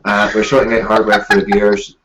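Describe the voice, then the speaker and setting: Man, lowish pitch, live stream host, casual chat, informal product talk. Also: monotone, a little fast, very noisy.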